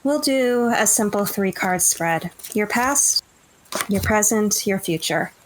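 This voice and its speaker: A calm elven fortune-teller played by a woman reads the cards in a slow, measured, theatrical voice. She sounds steady and reassuring. This is a tabletop game character. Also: mid-range voice, a little hiss or hum, poor audio. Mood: soothing.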